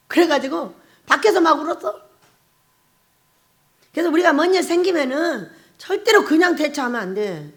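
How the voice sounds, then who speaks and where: A middle-aged woman pastor giving a conversational sermon, putting rhetorical questions to the congregation and often breaking into laughter. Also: high voice. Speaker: pastor and prayer house director.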